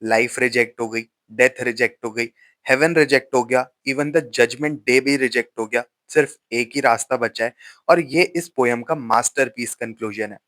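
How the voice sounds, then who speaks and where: A man teaching a lesson, explaining a poem line by line and reading the quoted verse slowly and deliberately. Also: mid-range voice, fairly bright tone, dry recording. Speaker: literature teacher.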